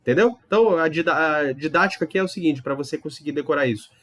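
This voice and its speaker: A man's voice: a little high, quick pace, fairly bright tone. A man teaching a recorded Hebrew lesson, explaining patiently, demonstrating sounds and checking in with his students often. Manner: explains patiently with many tag questions and demonstrations.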